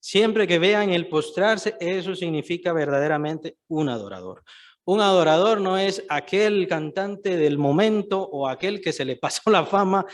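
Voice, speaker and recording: A man's voice: high-pitched, lively intonation, a little slow. A man preaching a sermon, stressing points by repeating phrases and putting questions to the listeners.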